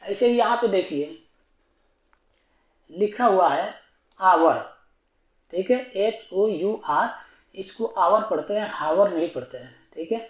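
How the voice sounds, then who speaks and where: A man's voice: sits high, lively intonation, a little slow, pauses often, echoey room, highs cut off. Man teaching grammar, patient and repetitive. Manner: patient, repetitive explaining with rhetorical questions. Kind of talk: online grammar lesson.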